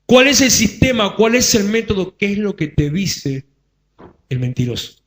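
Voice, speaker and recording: A man's voice: sits high, big pitch swings, moderate pace, a bit bright. A male pastor with a Rioplatense accent preaching a conversational sermon, repeating phrases for emphasis and making joking asides to the congregation. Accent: Rioplatense Spanish.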